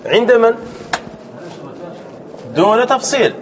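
Lively high-voiced man teaching grammar. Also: slow pace. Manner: asks students questions and answers them, repeats key terms. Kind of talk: classroom grammar lesson. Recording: dull lo-fi class recording with faint room noise.

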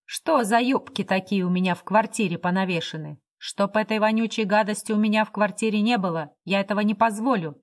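A drunk, coarse man mocks and bullies with rough commands, voiced by a woman reading aloud. He is sneering and threatening. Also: mid-range voice, a little fast, hardly any pauses, lightly acted.

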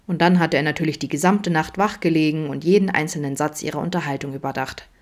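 Low-voiced woman reading a story. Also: fast talker. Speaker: podfic reader. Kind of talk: scripted narration.

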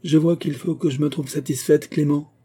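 Male narrator voicing older widowed mother, fretful and reproachful, husky and dark. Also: a little high, steady tone, normal speed, voice pushed up.

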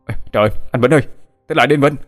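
Excitable young villager, as a male narrator puts him on, low voice, quick and eager, faint music behind. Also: lightly acted. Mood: frantic. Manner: excited, rising to frantic shouts.

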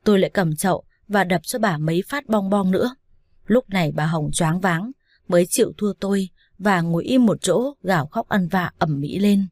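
A woman narrating a web novel as a scripted audiobook in a steady, even way. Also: fairly low pitch, normal speed, no echo, studio quality.

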